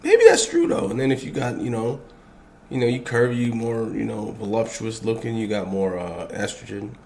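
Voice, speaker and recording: A man reacting to clips with blunt, profane commentary, his voice rising into loud outbursts. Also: mid-range voice, sing-song, normal speed, vocal fry, slight background noise.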